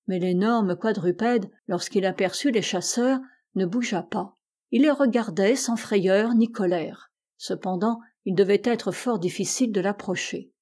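A woman narrating a classic adventure novel as an audiobook reader, in a steady, measured way. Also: mid-range voice.

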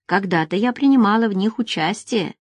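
Female narrator as a quietly bitter married woman, soft and anxious, mid pitch. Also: fairly quick, dry recording, studio quality, natural voice. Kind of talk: audiobook character voice.

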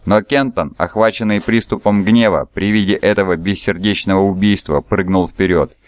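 Male audiobook narrator, steady storytelling, low voice, dry close mic. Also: moderate pace, no echo. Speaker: audiobook reader. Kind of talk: scripted narration.

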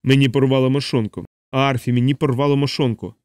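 A man's voice: mid-range voice, steady tone, fast talker, a little mellow, no echo, natural voice. A wounded young airman, as a male reader voices him pleads for help in a strained, urgent voice. The sound is dry and close, as in a studio audiobook. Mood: desperate pleading. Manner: pleading, then fading and weak.

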